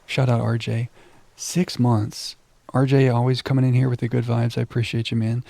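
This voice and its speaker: At a normal speed and medium pitch, a man hosting a video game livestream talks casually with viewers, reading text aloud and mocking himself as he goes. His voice is relaxed with a creaky edge, close and dry on the mic, with no room sound.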